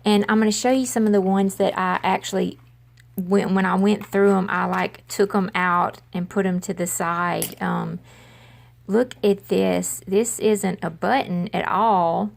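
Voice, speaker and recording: A woman with a Southern country accent, showing items in a casual haul video, talking slowly with many pauses and ums. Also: medium pitch, steady tone, creaky. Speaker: vlogger.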